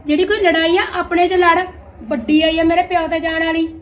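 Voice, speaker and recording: A woman playing a lazy, sharp-tongued young daughter-in-law who answers back defiantly in an amateur family skit. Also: extremely high pitch, flat delivery, a little fast. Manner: mocking, defiant retorts.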